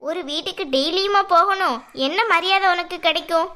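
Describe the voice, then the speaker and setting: A woman's voice: very high-pitched, fairly even intonation, a little fast, sharp tone. A woman voicing a stern middle-aged mother-in-law who scolds and lectures her daughter-in-law but secretly cares for her. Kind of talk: cartoon voice acting.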